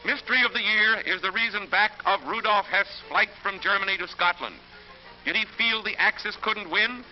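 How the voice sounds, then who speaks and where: A man's voice: high-pitched, normal speed. Man narrating an old newsreel. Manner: dramatic, emphatic announcing. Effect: old newsreel soundtrack. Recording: dull lo-fi 1940s film soundtrack with music.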